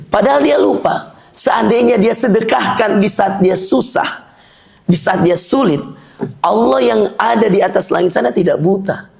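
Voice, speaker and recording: High, gravelly male preacher. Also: darkish tone. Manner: jokey, teasing, quizzes listeners. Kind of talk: sermon to a live audience.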